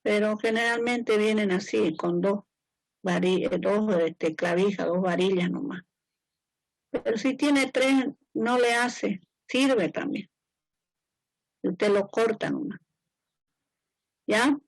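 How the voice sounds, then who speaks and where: A woman's voice: mid-range voice, slow pace, gravelly, long pauses, no echo, low-quality recording. A woman teaching a class as an engineer. She explains informally, repeats her points and keeps checking in with her students. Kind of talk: classroom lecture.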